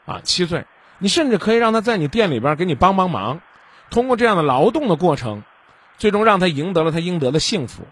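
A man's voice: high-pitched, sing-song, quick pace, a bit bright, breathy edge. A man hosting a radio call-in advice show, lecturing the caller and acting out little dialogues. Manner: keeps asking if the caller understands. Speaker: radio hotline host.

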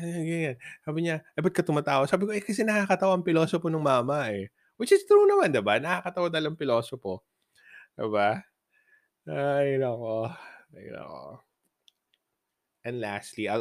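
A man's voice: lowish voice, dry recording, studio quality. A man hosting a podcast, casually telling funny stories, laughing often and mixing English into his talk. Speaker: podcast host. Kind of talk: casual storytelling.

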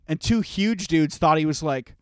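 A man's voice: a little high, normal speed, clear, resonant tone, no echo, studio quality. A young man co-hosting a podcast, telling stories in loose, profane casual chat and laughing often. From Canada. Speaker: podcast co-host.

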